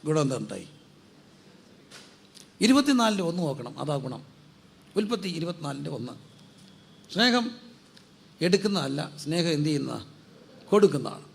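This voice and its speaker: A man preaching as a guest pastor, asking rhetorical questions, answering them himself and urging the congregation to repeat after him louder. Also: fairly high pitch, big pitch swings, normal speed, vocal fry, pauses often. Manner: drives call-and-response, urging the crowd to say it louder. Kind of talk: sermon.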